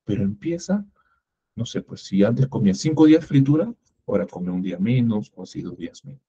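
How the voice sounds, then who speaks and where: Guy giving a class, acts out little dialogues, very mellow husky tone, kinda dull recording. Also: mid-range voice, lively intonation, brisk. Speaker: workshop instructor. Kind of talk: lecture with rhetorical questions. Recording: muffled lo-fi recording.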